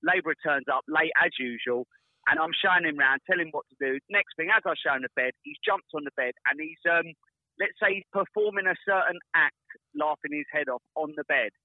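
A man, a builder calling in to a radio show, telling awkward stories with animated, acted-out quotes. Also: a little high, fairly quick, no room sound. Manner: animated storyteller, acts out quotes, stumbles on words. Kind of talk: casual anecdote telling. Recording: tinny phone line.

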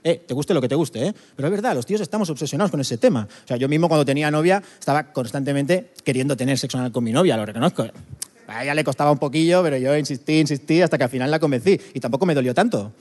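A man from doing a stand-up monologue, punchy and chatty with quick asides to the crowd. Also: a little high, darkish tone, in a large hall. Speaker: stand-up comedian.

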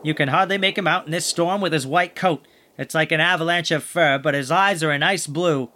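A man's voice: fairly high pitch, brisk. A man playing a plucky, kindhearted, wisecracking monster hunter who narrates and acts in a children's audio adventure with folksy exclamations. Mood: awed, nervous. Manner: folksy exclamations, animated chatter to sidekick.

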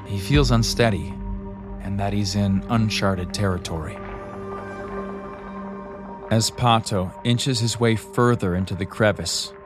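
A man with a fairly low voice delivers scripted, suspenseful narration in a measured way. His pacing builds tension line by line. Quiet music plays faintly underneath. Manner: measured, tense storytelling. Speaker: podcast narrator.

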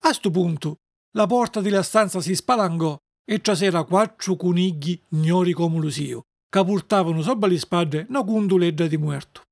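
A storyteller reading a children's tale aloud in a dialect, in an expressive, lilting way. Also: mid-range voice, normal speed, dry recording, studio quality.

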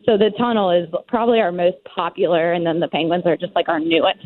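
A woman's voice: fairly low pitch, steady tone, quick pace. A young woman from Maryland chatting casually and in a friendly way as a caller on a phone. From Maryland, United States. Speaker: caller, aquarium scuba diver. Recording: narrow tinny phone line.

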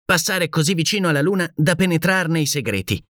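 A man voicing a cheerful, carefree male space traveler in an audiobook, talking in a lively, nonchalant way. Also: a little high, a little fast, dry recording, studio quality, pitched above the performer's own voice.

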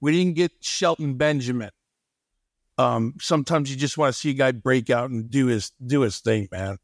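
A man's voice: medium pitch, moderate pace, dry recording, clean studio sound. A man co-hosting a wrestling podcast in casual chat, rambling and telling folksy stories. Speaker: podcast co-host, former wrestling trainer.

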